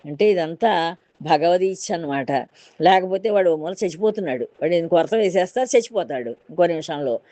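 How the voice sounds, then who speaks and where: A woman's voice: fairly low pitch, expressive, fairly quick, mellow, dry recording. Woman retelling a folk tale, dry sound. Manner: homely retelling, repeating and explaining each line. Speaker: storyteller. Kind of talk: devotional folk-tale narration.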